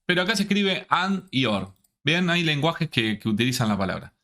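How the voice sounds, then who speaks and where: With a bright, forceful and very animated voice on the high side, a man leads a live online coding class. He takes it slowly, checking in with students at nearly every step.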